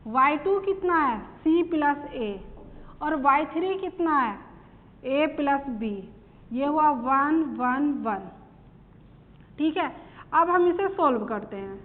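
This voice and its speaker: A woman's voice: high voice, animated, slow pace, pauses often. A woman maths teacher working through problems step by step, asking questions and answering them herself. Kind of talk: classroom lesson. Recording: tinny phone-like sound with long reverb.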